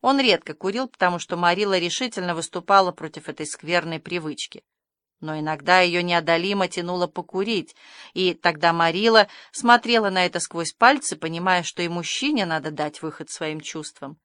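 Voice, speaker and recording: A woman narrating an audiobook of a classic novel in a measured, expressive storytelling manner. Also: fairly low pitch, smooth, no room sound. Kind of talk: scripted narration.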